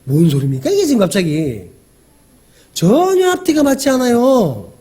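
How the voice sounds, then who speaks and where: A man's voice: very high voice, huge pitch swings, normal speed, dark tone, husky. A male pastor giving a conversational sermon, often asking the congregation questions and acting out the dialogue he describes. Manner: acts out quoted dialogue.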